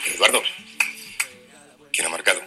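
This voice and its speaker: A man telling a stand-up comedy story, animated, with deadpan asides. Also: low-pitched, a little slow, over loud music, rough recording.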